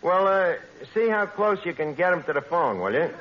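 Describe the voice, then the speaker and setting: In the style of 1940s radio comedy, a male actor plays a brash, scheming, lowbrow tavern manager with a New York accent, haggling at a normal speed with lively intonation. He hems and mangles his grammar while reaching for pretentious fancy words. The old radio recording is dull and noisy.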